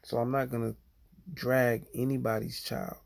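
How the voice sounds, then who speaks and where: A man speaking at a middle pitch with a gravelly, creaky edge to his voice. He talks straight to his viewers in a loose, rambling way, full of fillers and restarts, and keeps checking in with "you know what I'm saying?". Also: flat delivery, normal speed. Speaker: livestreamer. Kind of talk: casual livestream monologue.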